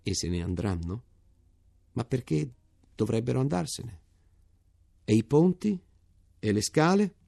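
A man's voice: medium pitch, very animated, unhurried, gravelly, long pauses, warm tone, dry recording, studio quality, faint music behind, pitched above the performer's own voice, heavily acted. A man reading the part of an anxious army major in his fifties who frets and confides in earnest. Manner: fretful questions, later earnest confiding. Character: anxious fiftyish army major, nervous then relieved.

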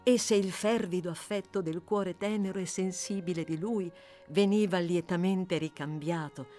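A woman reading a novel aloud, measured and expressive, with slow pauses. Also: on the low side, faint music behind. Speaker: audiobook reader. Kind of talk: scripted literary narration.

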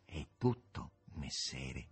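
A man voicing a sly, fussy demon servant with a theatrical manner and a husky voice. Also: fairly low pitch, huge pitch swings, moderate pace, faint music behind, exaggerated voice.

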